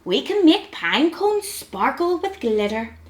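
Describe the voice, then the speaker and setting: A woman voicing a cheerful, helpful mouse in a children's storybook, with bright exclamations. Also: high voice, sing-song, slow pace, heavily acted. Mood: cheery. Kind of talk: storybook character voice.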